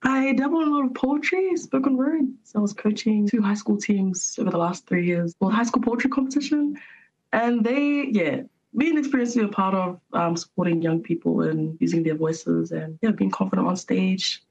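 A woman, a poet and guest on the show, answering in a soft-spoken, measured way. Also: mid-range voice, gravelly, husky. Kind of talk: casual interview chat. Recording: dull lo-fi line.

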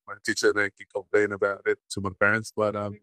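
A man's voice: on the low side, completely flat delivery, fast, bright, forceful tone, dry recording, poor audio. A man, a former sumo wrestler answering interview questions hesitantly with many fillers and restarts. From Tonga.

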